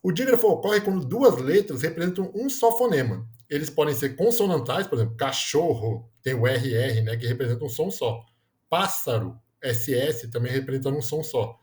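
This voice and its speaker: Guy teaching a grammar class, kinda high voice, keeps going "né?". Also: expressive, normal speed, darkish tone. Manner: explanatory, frequent "né?" tags, self-corrections. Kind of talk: grammar lesson.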